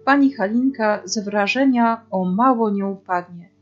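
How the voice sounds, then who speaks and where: A woman teacher reading a children's novel aloud in an expressive storytelling manner. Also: mid-range voice, measured pace. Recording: dull lo-fi with faint guitar.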